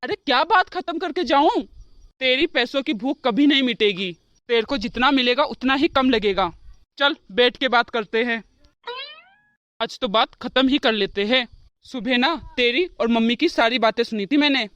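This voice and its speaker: A high, dry voice carries this exasperated cartoon husband, played by a woman, who scolds in blunt, grumbling lines. The recording is close and free of room sound. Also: normal speed, a bit bright, dry recording, dull audio, natural voice. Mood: scolding. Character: grumbling young office-going husband. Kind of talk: cartoon voice acting.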